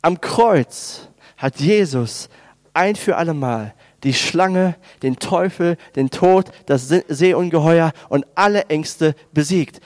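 A man's voice: a little high, takes it slowly, darkish tone, dry recording. A man preaching a baptism sermon, speaking the words of God and Jesus in raised, emphatic tones. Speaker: pastor.

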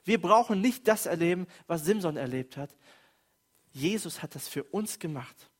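A man's voice: sits high, expressive, moderate pace. A man preaching a sermon in an earnest, emphatic way, acting out quoted prayers with feeling.

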